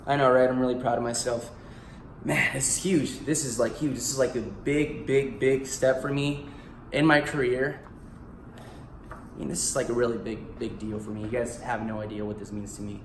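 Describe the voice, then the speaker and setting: A Spanish-speaking actor and author in his thirties from the United States talks straight to camera in a casual self-promo vlog, eager and heartfelt, peppering his speech with "like" and "you know." His middle-pitched voice is steady at normal speed. The small room echoes noticeably, with a faint hiss underneath.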